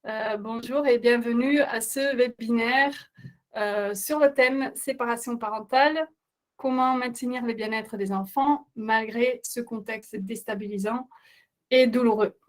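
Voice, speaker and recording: A middle-aged woman with a French accent, not a native speaker, presents a webinar as a parenting coach. Her voice is fairly high and steady, and she speaks at a measured pace. She comes across as earnest but hesitant, with many filler sounds.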